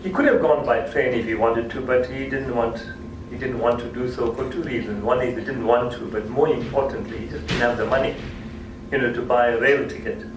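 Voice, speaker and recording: This storytelling lecture at a cultural talk features a man whose first language is Gujarati, recounting an anecdote while he restarts and repeats phrases. He speaks briskly in a steady, mid-range voice. Captured in a noisy, echoey hall from a distant microphone.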